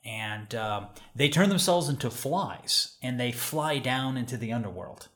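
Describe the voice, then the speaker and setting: A man's voice: medium pitch, animated, measured pace, a bit bright. Man casually retelling an old myth. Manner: loose storytelling with fillers and restarts.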